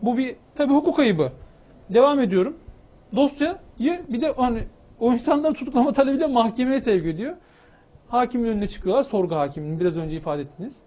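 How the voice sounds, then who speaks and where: A man with a notably high, mellow voice argues his case like a lawyer on a talk show, emphatic and pointed, acting out quoted exchanges as he goes. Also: animated, fairly quick. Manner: argumentative, emphatic.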